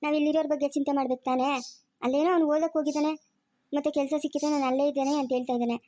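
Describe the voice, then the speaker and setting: A woman's voice: sits high, fairly even intonation, rapid-fire, dark tone, close to an everyday voice. A woman playing a soothing young daughter. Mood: evasive. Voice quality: soothing, reassuring. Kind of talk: amateur family drama acting.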